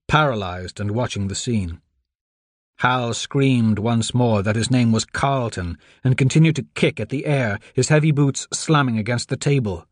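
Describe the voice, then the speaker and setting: A man reading scripted audiobook narration in a measured, even storytelling manner on a close microphone. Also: medium pitch, dry recording.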